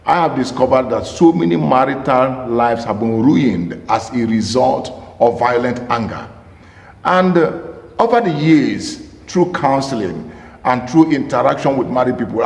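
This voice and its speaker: Speaking to camera in a creaky, mid-range voice, this man, a pastor and marriage counselor, delivers a forceful teaching talk. Key phrases come back again and again alongside rhetorical questions, all in a roomy space with long reverb.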